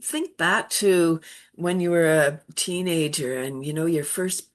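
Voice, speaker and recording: Low-pitched woman from canada chatting, tells stories, laughs a lot. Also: unhurried. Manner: warm storytelling, laughs often, acts out quotes. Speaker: laughter yoga guest. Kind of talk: casual interview chat.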